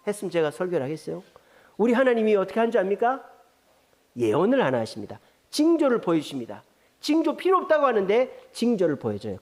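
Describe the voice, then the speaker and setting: A man's voice: high voice, darkish tone. A man preaching a sermon as pastor, who acts out quoted voices and keeps asking the congregation questions. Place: church sanctuary.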